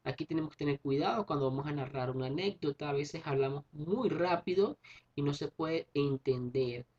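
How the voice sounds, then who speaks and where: A man's voice: on the high side, moderate pace, darkish tone, highs cut off. A male teacher giving a recorded class lesson, explaining patiently, rephrasing himself and checking in with tag questions.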